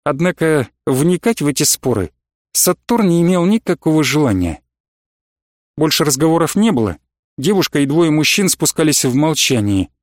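A man narrating a novel in a steady, even storytelling manner. His voice sits somewhat high for a man, and the recording is dry and close with no room sound. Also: normal speed, no room sound. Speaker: audiobook narrator. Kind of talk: scripted narration.

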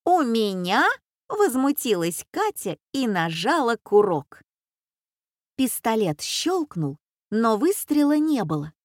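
A woman reading a children's story aloud in an expressive, dramatic way. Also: fairly high pitch, takes it slowly, dry recording, studio quality.

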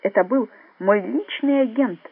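A man's voice: sits high, unhurried, creaky, no room sound, pitched above the performer's own voice, full character voice. A man doing a weary, cutting spy. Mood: cold. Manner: cutting, contemptuous, tired. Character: weary, cold male professional agent. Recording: dry, phone-like narrow sound.

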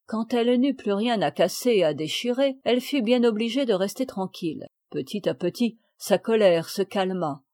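A woman's voice: mid-range voice, expressive, moderate pace, hardly any pauses, dark tone, no room sound, studio quality. Woman narrating a children's classic. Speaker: audiobook reader. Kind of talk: scripted narration.

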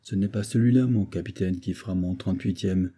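A man's voice: low-pitched, fairly even intonation, fairly quick, dark tone, husky. A man doing a subdued, abashed orderly.

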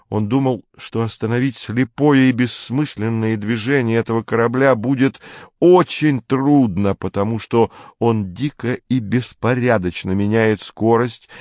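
A man reading a story aloud in an even, measured way. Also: on the low side, no echo, muffled recording. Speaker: narrator. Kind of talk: audiobook narration.

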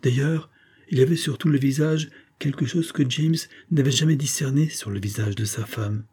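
A man reading a literary novel aloud as audiobook narrator, in a measured style. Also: mid-range voice, dark tone, slightly rough. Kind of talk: scripted narration.

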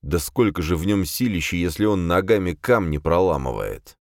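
A man narrating a first-person fantasy audiobook in a steady, measured way. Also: deep voice, no room sound, studio quality.

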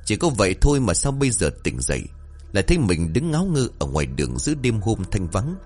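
A man narrating a scripted story in an expressive way. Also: lowish voice, quick pace, faint music behind.

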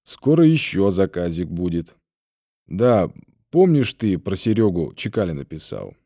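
A man voicing a gruff, dryly joking middle-aged man in an audiobook. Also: low-pitched, very animated, measured pace, mellow, no room sound, clean studio sound, heavily acted. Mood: wry.

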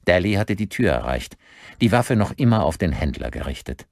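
A man narrating a thriller audiobook in a measured, expressive storytelling manner, recorded close in a studio. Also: low voice, gravelly, no room sound.

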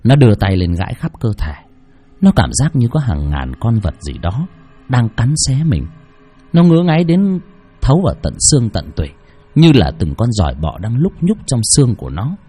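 Husky-voiced man telling a horror story. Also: very animated, normal speed, dark tone, soft background music. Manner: dramatic, shifting pitch for effect.

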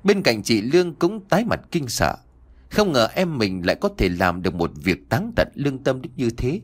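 A man reads a dark tale aloud as an audiobook narrator. His husky voice rises and falls widely as he builds the drama. The delivery stays expressive throughout. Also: medium pitch, normal speed.

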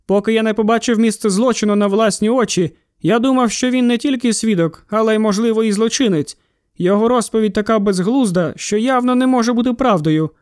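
A man's voice: sits high, fairly quick, clean tone, no room sound, studio quality, natural voice. A man reading as an agitated town constable. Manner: excited and exclaiming. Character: agitated middle-aged male town constable. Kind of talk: audiobook character reading.

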